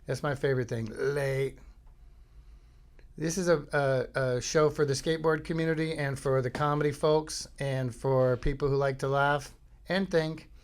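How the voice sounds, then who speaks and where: At a normal pace and with a steady mid-range voice, a middle-aged Floridian podcaster rambles on from his home studio. It's a comedic monologue, jokey and self-interrupting, punctuated by silly singing and impressions.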